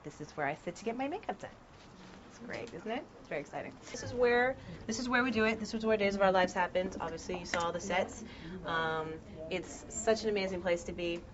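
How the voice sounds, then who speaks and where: An actress in her thirties gives a casual backstage tour of a television studio, chatting and giggling with playful asides. Her voice is mid-range and brisk, crowd noise is audible, and the web video audio sounds slightly dull.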